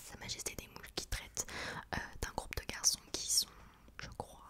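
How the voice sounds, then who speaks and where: A woman whispering softly as an ASMR host, presenting and reading from a book in an informal way. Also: normal speed.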